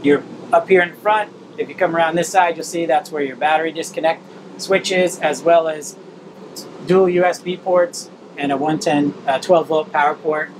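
At an outdoor RV display, a man in his fifties gives an informal walk-through tour of a small camper trailer, moving in and around it while explaining and pointing things out. His voice is a little high and steady in tone at a normal speed, against a noisy background.

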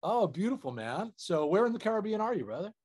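An older man hosts a relaxed interview over a video call from a small indoor room. His voice runs high for a man, and he talks to his guest in a friendly, chummy way. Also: quick pace, husky. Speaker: host. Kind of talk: casual interview hosting.

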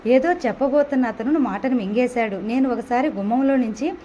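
Woman reading a novel aloud, higher voice. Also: highs cut off, slight background noise. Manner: steady, measured storytelling. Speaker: audiobook narrator. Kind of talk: first-person audio novel narration.

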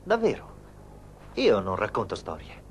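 A man's voice: fairly low pitch, wildly swooping pitch, a little slow, slight background noise. A man voicing a passionate young male professor who declares his love, in a dubbed telenovela. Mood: insistent. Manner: pleading, passionate. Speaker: romantic lead.

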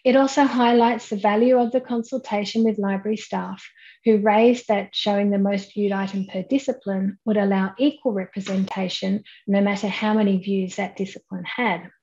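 Woman, thirties, steady explanatory presenter, relaxed voice, lo-fi webcam capture. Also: medium pitch. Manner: measured, explanatory, with frequent "um"s. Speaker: keynote speaker. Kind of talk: online conference presentation. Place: indoors at home, plain wall behind. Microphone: webcam at desk, head and shoulders framing.

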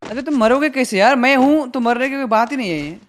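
A man with an Indian accent, a gaming co-host chatting and shouting excited callouts. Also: very high-pitched, slight background noise. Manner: excited callouts, quick talk. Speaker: gamer co-host. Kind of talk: casual gaming chat. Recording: game audio behind.

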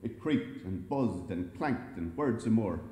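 A man reading a humorous story aloud to a live audience in a wry, lively way, recorded in an echoey library hall. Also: lowish voice, measured pace. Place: library event space.

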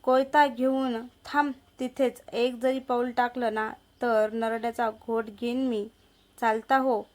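A woman's voice: fairly high pitch, flat delivery, takes it slowly, a little mellow. A woman voicing a poor, hardworking village wife who pleads and stands firm in a story. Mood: defiant. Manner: pleading, defiant.

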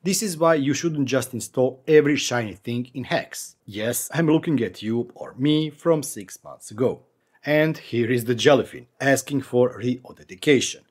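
A man in his forties, a tech channel host, speaks at medium pitch and normal speed. He's recording a screen tutorial from his home office, walking through the steps with wry asides.

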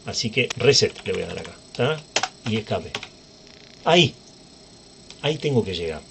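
A man's voice: on the low side, very animated, normal speed, gravelly, noisy background. Chatty man explaining computers. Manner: informal, chatty, checks in with "¿tá?". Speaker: tech tutorial presenter. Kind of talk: screen-recorded computer tutorial.

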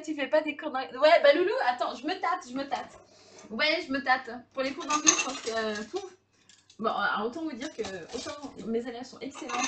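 Chatty high-voiced woman. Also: fairly bright tone, slight background noise. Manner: chatty, laughs often, many fillers and restarts. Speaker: livestream host cooking. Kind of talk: casual live-stream chat with viewers.

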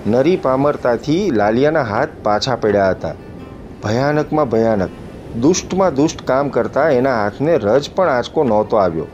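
A man narrating a literary novel as an audiobook, in a measured, reflective way with rhetorical questions. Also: mid-range voice, animated, darkish tone. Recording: muffled audiobook recording with faint music.

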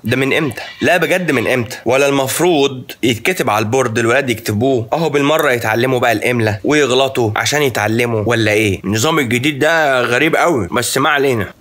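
A man's voice: medium pitch, a bit bright. An Egyptian man telling comic stories straight to viewers, chatting animatedly and snacking between lines. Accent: Egyptian Arabic. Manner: snacks on grapes while talking. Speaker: comedian. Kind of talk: comic storytelling monologue.

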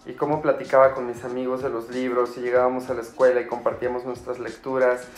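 A man's voice: medium pitch, flat delivery, fast. Young man, Mexican accent, enthusiastic casual chat, echoey room, faint music behind. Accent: Mexican Spanish. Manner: enthusiastic, nostalgic, chatty. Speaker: book vlogger. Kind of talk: casual unboxing chat to camera. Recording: roomy echo with faint music.

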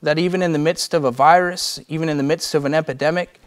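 A young adult man with a Midwestern American accent, a pastor preaching a sermon with impassioned delivery that swings between loud and hushed. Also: on the high side, fairly even intonation, quick pace.

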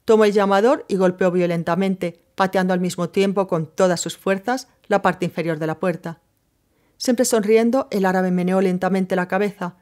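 Woman narrator, measured literary audiobook reading, mid pitch. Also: darkish tone. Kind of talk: scripted novel narration.

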